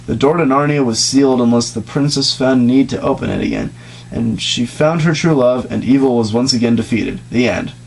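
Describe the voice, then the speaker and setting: This is a man with a mid-range voice reading comedic fan fiction fairly quickly as an amateur, hamming it up in mock drama, tossing in jokey asides and now and then fumbling words. The audio is low quality, with background noise.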